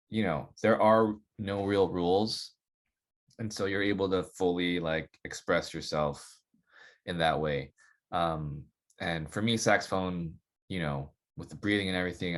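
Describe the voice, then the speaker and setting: A man, a saxophonist guest on a podcast, chatting casually and loosely, full of "like" and "you know". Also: deep voice. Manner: relaxed, rambling, filler-heavy with many "like" and "you know".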